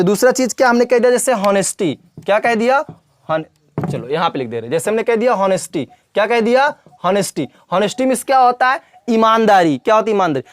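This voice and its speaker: Smooth and high, a man's voice leads a classroom English grammar lesson in a dry recording. He goes over points repeatedly and fires questions at the viewer, addressing them as brother and child.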